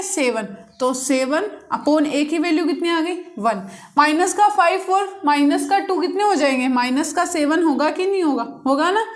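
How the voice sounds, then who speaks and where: A woman maths teacher, teaching a class at the board. She keeps asking the class questions and answering them herself. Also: extremely high pitch. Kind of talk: classroom lesson explaining problems.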